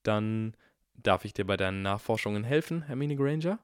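A man's voice: fairly low pitch, expressive, moderate pace, clear, resonant tone, dry recording, clean studio sound, natural voice. A man voicing a clever, cheeky young schoolboy with a wry, theatrical way of talking in a storybook reading.

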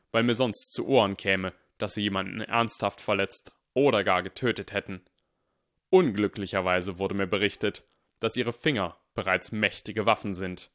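A man voicing a stern, cunning male teacher who speaks calmly, deliberately and firmly. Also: on the low side, lightly acted. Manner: calm, deliberate and firm.

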